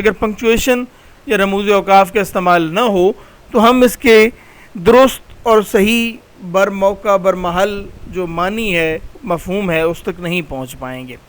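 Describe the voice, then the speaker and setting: A man's voice: sits high, fairly bright tone, smooth. A middle-aged man with a Pakistani Urdu accent, teaching a recorded slide lecture, patient and explanatory, repeating key terms.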